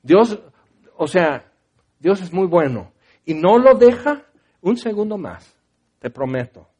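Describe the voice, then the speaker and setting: A middle-aged man with a Mexican Spanish accent delivers a testimony sermon, sharing a heartfelt personal story in a conversational manner. His voice sits on the high side and is slightly mellow, and he frequently restarts his sentences.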